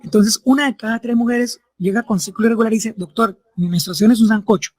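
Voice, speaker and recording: He's a fast-talking medical lecturer with a high-pitched, somewhat mellow voice, captured in a dry recording. His teaching proceeds step by step, punctuated by frequent tag questions checking that students understand.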